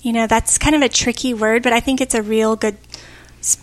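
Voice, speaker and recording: A woman's voice: on the high side, steady tone, brisk. A woman co-hosting a podcast, talking in a thoughtful, searching way with frequent fillers. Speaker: podcast co-host. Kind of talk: reflective conversational chat.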